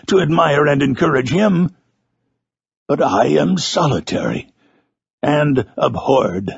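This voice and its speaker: Frankenstein's monster, deeply gravelly and wretched. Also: male voice, dry recording, studio quality, exaggerated voice. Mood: anguished, accusing. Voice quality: very gravelly, raspy. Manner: grave, formal, anguished theatrical delivery. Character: Frankenstein's monster, wretched, eloquent, brooding male creature. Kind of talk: dramatic audiobook monologue from a gothic novel.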